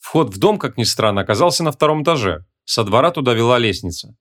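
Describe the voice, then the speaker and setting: A man narrating a humorous fantasy audiobook with a lively, expressive reading. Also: medium pitch, quick pace.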